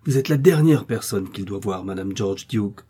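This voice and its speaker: A man's voice: fairly low pitch, lively intonation, moderate pace, warm tone, breathy edge. A man voicing a formidable, commanding innkeeper's wife in an audiobook, scolding everyone around her. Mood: severe.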